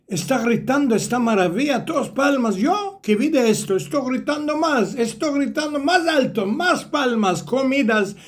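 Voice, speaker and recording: A man doing a boastful cheerful donkey. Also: very high voice. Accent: Ladino. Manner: boastful, lively.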